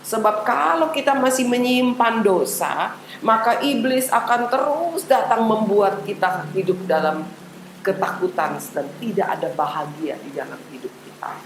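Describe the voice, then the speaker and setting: A woman giving a gentle devotional talk to children, often asking them questions and adding a soft "ya" to her sentences. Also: a little high, expressive, normal speed. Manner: gentle, asks children questions, frequent tag "ya". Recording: roomy echo, faint background noise.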